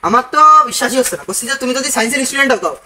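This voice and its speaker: A man's voice: very high voice, animated, rapid-fire, sharp tone, a little hiss or hum. Whiny mock-offended man in a village skit. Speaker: comedian in village sketch. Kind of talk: scripted village comedy skit.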